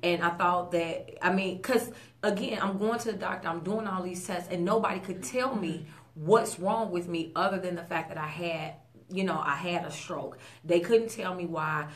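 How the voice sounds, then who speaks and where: A woman's voice: lowish voice, moderate pace. A woman in her thirties, a guest on a radio talk show, speaking earnestly and conversationally with frequent fillers. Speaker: guest, stroke survivor.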